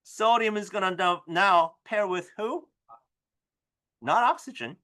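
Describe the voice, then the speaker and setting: A man teaching a high school chemistry class, animated and exclamatory, checking in with "right?" after almost every point. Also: a little slow. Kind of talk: lively classroom lecture.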